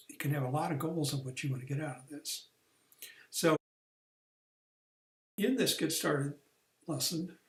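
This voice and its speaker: A man's voice: mid-range voice, reverberant. A man, working as a career coach, explaining the steps of an online training lesson in an unscripted way, with fillers and restarts.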